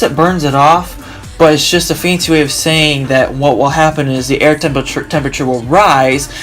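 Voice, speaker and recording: A man's voice: mid-range voice, a bit bright. A young man with a groggy allergy-worn voice, explaining weather casually in a rambling way with many restarts. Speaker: weather video host.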